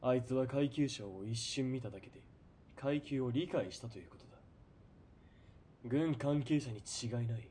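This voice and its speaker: Playing a domineering military police commander in a period radio drama, a man sounds cold and calculating, with a medium-pitched voice at normal speed and only light acting. The character is ruthless and greedy, sneering as he shifts from quiet chill to shouting, with slight background noise present.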